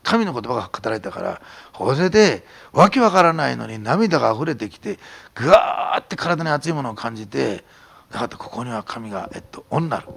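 A man preaching a sermon as a pastor, telling stories in an animated way and sometimes dropping to a whisper. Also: medium pitch, brisk, gravelly, breathy edge. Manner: animated storytelling, drops to a whisper at times.

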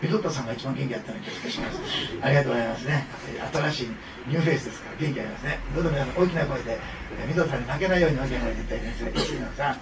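A man's voice: mid-range voice, very fast, background noise. A man preaching a sermon to his congregation in a conversational way, with frequent fillers and asides. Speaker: pastor. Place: church hall. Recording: echoey hall, mic from far off.

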